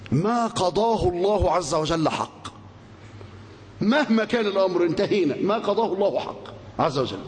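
A man with an Egyptian Arabic accent teaching a colloquial religious lesson, animated, reciting scripture and putting rhetorical questions to his listeners. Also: sits high. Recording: long hall reverb.

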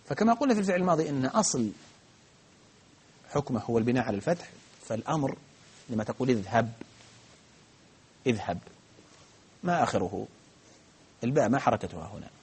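A man's voice: mid-range voice, lively intonation, a little fast, long pauses, darkish tone, slightly rough. A man teaching a grammar lesson, explaining patiently step by step, with frequent restarts and fillers. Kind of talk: live grammar lesson with questions.

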